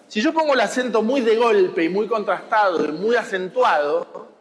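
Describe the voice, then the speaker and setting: In an echoey school hall, a male art teacher from Argentina speaks with a high, animated voice at normal speed and a Rioplatense Spanish accent. He runs a watercolor masterclass, explaining things, teasing his students, and making sure they understand.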